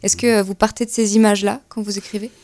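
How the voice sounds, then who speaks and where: Woman interviewer, monotone delivery, careful questions with fillers. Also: medium pitch, quick pace.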